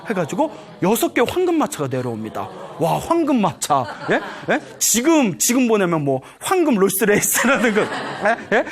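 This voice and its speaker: Man, Buddhist monk, dharma talk, animated storyteller, swooping very lively pitch. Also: moderate pace, few pauses. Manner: animated storytelling, prodding the audience with "예?". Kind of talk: dharma talk to a live audience.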